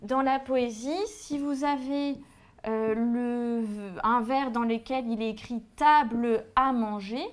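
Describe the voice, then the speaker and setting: A woman's voice: fairly high pitch, fairly even intonation, slow. A young woman teaching an exam revision lesson, hesitant and full of fillers as she writes on a board. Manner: hesitant, many "euh" fillers. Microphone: writing on a board while talking.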